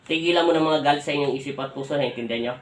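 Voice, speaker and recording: A man's voice: on the high side, racing. A man from the Philippines working as a folk healer, questioning and giving firm orders during a healing session. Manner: commanding, questions and orders repeatedly. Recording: echoey room with faint ambient noise.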